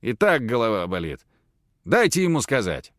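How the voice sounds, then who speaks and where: A man's voice: medium pitch, sing-song, normal speed, no echo, lightly acted. A man voicing an irritable young woman with a dry, mocking manner.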